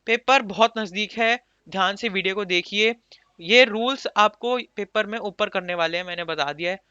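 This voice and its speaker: Bright-voiced man teaching grammar, lo-fi. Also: high voice, moderate pace, smooth, no echo. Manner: repetitive, quizzes listeners with rhetorical questions. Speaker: exam coaching teacher. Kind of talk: English grammar lesson explained in Hindi. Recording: dull lo-fi recording.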